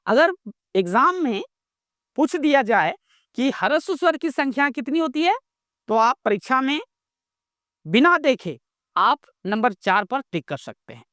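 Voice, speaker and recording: A woman's voice: high-pitched, big pitch swings, unhurried, long pauses, fairly bright tone, no echo, clean studio sound. A woman from India teaching a classroom grammar lesson. She asks questions and answers them herself, repeating each point as a drill.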